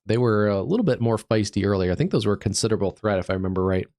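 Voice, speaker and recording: A man hosting a live severe weather stream as a meteorologist, stuffed up from allergies, talking through the radar in an easygoing, halting way with many fillers. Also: fairly low pitch, darkish tone, dry recording, studio quality. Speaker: digital meteorologist, livestream host.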